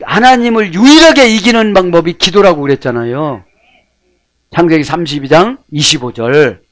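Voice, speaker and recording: A man's voice: on the high side, moderate pace, no room sound. A male pastor preaching a sermon, prodding listeners with rhetorical questions.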